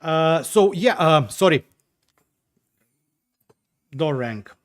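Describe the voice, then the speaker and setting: Animated and fairly high-pitched, he draws out his words while chatting on a livestream from his home. The host, a native Croatian speaker, answers viewer comments with a hesitant, talkative style marked by fillers and restarts as he tinkers.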